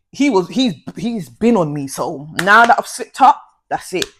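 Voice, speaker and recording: A young woman telling a slangy, animated storytime vlog. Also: medium pitch, slight background noise. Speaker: vlogger.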